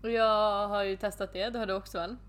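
A woman's voice: mid-range voice, flat delivery, a bit bright. Giggly young woman telling a story. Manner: giggly storyteller, acts out chats in English. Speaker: podcast co-host. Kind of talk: casual chat.

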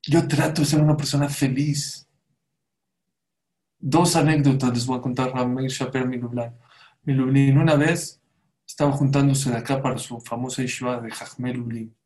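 Man giving a lively sermon. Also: mid-range voice. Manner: animated storyteller, acts out quoted voices. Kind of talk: sermon with storytelling.

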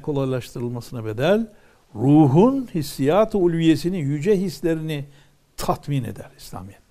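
Gravelly-voiced man explaining a religious text. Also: a little high, a little mellow. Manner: reads ornate old text aloud, then explains each phrase in plain words. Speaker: religious teacher.

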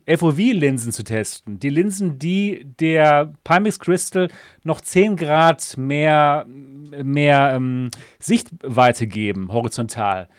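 Male podcast host, upbeat and chatty, slightly high voice, dry close mic. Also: no room sound. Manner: upbeat, chatty show intro with fillers. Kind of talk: casual chat.

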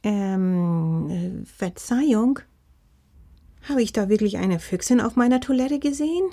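A woman's voice: on the low side, steady tone, drawn-out words, warm tone. A woman voicing a kindly, flustered grandmother who talks hesitantly and stammers in a storybook.

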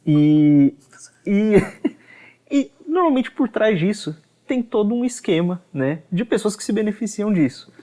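A man hosting a podcast, explaining ideas thoughtfully and pausing to repeat words as he thinks. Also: high voice, big pitch swings, mellow. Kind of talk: casual discussion.

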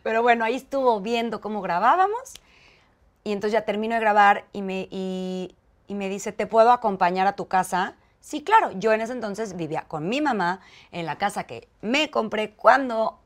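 A woman with a Mexican accent, a guest in an interview, telling a story with lively acted-out dialogue. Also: medium pitch, normal speed. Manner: animated, acts out quoted dialogue.

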